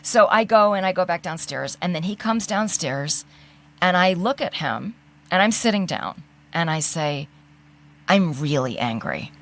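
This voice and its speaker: Lively woman telling a story. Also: on the low side, moderate pace. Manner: animated storyteller, acts out quotes. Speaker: podcast co-host. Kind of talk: casual conversation.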